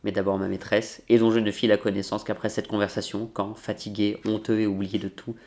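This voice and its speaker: A man reading a passage from a novel aloud in a measured, steady literary manner. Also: lowish voice.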